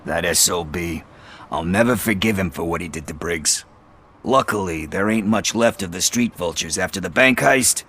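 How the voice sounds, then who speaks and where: In a video game drama, a scruffy, streetwise informer speaks in a confiding mood, his slightly low, husky voice carrying a bright, forward edge. At a moderate pace he chats sardonically, throwing out slang with a wry, casual air.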